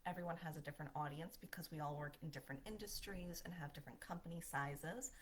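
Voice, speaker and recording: A woman's voice: low-pitched, fast talker, breathy edge. A woman giving a marketing lesson as a voiceover, upbeat and conversational, with a smile in her voice. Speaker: marketing instructor.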